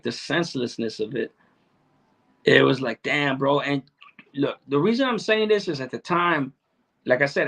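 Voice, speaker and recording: Here the livestream host, a middle-aged man of Salvadoran origin brought up in Chicano neighborhoods, has a fairly high-pitched, fairly bright voice. He responds to chat casually, swearing a lot, using streetwise slang, and repeating himself often.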